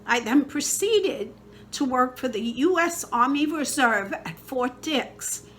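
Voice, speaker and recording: A woman giving a steady, earnest scripted personal statement. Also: high voice, slow pace, a little hiss or hum.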